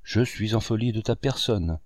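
A man's voice: mid-range voice, expressive, measured pace, warm tone, no echo, natural voice. Male reader doing a tearful, imploring lovesick wife in an audiobook; dry booth sound. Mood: adoring, imploring. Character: desperate lovesick married woman, pleading. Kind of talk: audiobook character reading.

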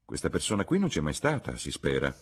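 A man reading an audiobook, voicing a blunt middle-aged mother in a loud, husky, scolding tone. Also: rumbling low, huge pitch swings, brisk, full character voice. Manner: loud, scolding, matter-of-fact.

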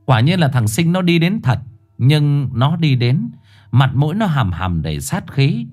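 A man's voice: a little high, big pitch swings, a little slow, a little mellow, soft background music. A man narrating a story in a dramatic storytelling manner.

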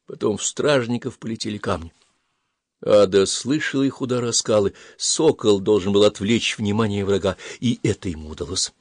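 Man, low voice, audiobook narration, steady even reading, dry close sound. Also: normal speed, husky, dry recording. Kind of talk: scripted fantasy narration.

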